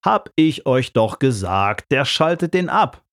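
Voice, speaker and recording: A man's voice: mid-range voice, sing-song, unhurried, fairly bright tone, dry recording, clean studio sound. A man reading the lines of a brash young male football fan in a story, blunt and know-it-all. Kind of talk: audiobook character voice.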